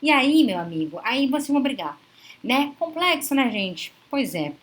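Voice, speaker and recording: Brazilian psychologist lady on a live, kinda high voice, explains stuff and keeps checking in, acts out what couples say. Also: sing-song, normal speed. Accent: Brazilian Portuguese. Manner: didactic, checks in often with tag questions; acts out quoted speech of couples. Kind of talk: live-stream advice talk.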